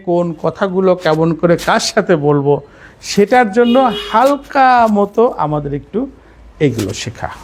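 Animated man lecturing on spoken English. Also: high-pitched. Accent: Bangladeshi. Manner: animated, demonstrates intonation and sounds aloud; mixes in English phrases, slow and deliberate in English. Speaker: teacher trainer. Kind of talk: lecture to teachers.

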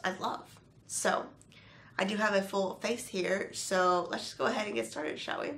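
A woman's voice: mid-range voice, creaky, fairly bright tone. A sick young woman beauty vlogger with a stuffy, nasal voice, chatting casually and a little apologetically to camera.

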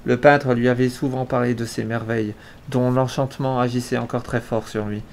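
A man's voice: mid-range voice, level tone, fairly quick, vocal fry, darkish tone, slight background noise. A man reading a novel aloud on a live stream, narrating steadily and unhurriedly, with small restarts.

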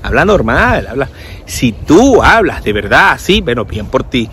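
A man's voice: mid-range voice, big pitch swings, measured pace, fairly bright tone, a little hiss or hum. A man giving casual sarcastic commentary, often mimicking people. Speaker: vlogger.

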